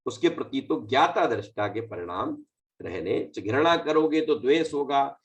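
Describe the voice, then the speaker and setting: A man's voice: medium pitch, distant mic. A man teaching a scripture class online, explaining patiently and correcting recitation.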